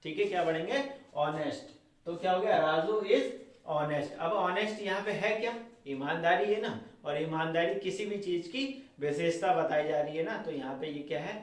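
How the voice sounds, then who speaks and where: A male teacher with a high voice walks students through a grammar lesson. He poses a question, answers it himself, and checks in after nearly every line. The voice sits far from the mic in a very echoey room. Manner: repeats questions to students and answers them himself, ending lines with "theek hai". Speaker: English teacher.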